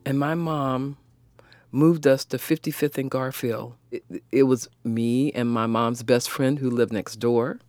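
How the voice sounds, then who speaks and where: A woman's voice: a bass voice, fairly even intonation, measured pace, a little mellow, no room sound, faint music behind. A woman from Kansas City, recalling her childhood in an earnest, frank way. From Kansas City, Missouri. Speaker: interviewee. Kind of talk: personal recollection.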